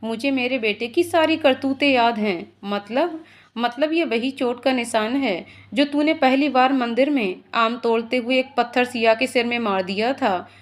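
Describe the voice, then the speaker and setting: Woman doing a fond middle-aged mother, gentle scolding, slightly high voice. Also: moderate pace, close to an everyday voice. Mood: gently scolding. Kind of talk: storytelling dialogue.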